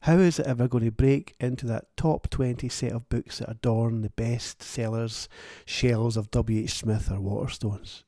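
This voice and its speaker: A man with a warm, low-toned voice and a little fry in it hosts his own show. He speaks alone in a plain-spoken, thoughtful and wry way. The sound is close and dry, with no room around it. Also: steady tone, normal speed, hardly any pauses, no echo. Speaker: author and podcast host. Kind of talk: reflective solo monologue.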